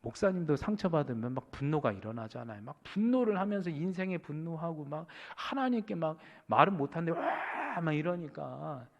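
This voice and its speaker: A male pastor preaches a sermon with a fairly high voice. His pitch swings widely as he tells a story and acts out its voices. The long reverb of a church sanctuary trails behind his words. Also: lively intonation, brisk, gravelly, few pauses, dull audio.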